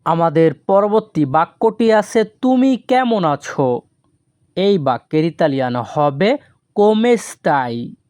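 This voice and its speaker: In a mid-range, expressive and slightly mellow voice, a language teacher delivers a scripted lesson, repeating each phrase and spelling it out word by word. Foreign phrases come very slowly, one word at a time, with no room sound.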